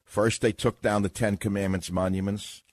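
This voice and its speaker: A man hosting a talk radio show, giving a sarcastic, indignant monologue that swings from muttering to loud outbursts in a studio. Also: on the low side, fairly even intonation, normal speed, dry recording. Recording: dry studio mic.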